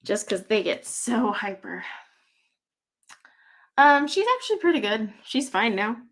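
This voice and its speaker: A woman's voice: on the high side, big pitch swings, measured pace, a bit bright. A woman hosting a casual livestream, chatting loosely while she works on a craft, with lots of "like" and "um" and frequent laughter. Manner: chatty, rambling, laughs often; many fillers like "like" and "um". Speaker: livestream host.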